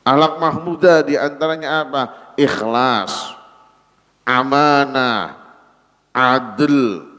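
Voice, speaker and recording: A man's voice: medium pitch, takes it slowly, pauses often, sharp tone, slight background noise. A male preacher giving a mosque sermon, asking the congregation rhetorical questions. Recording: echoey hall.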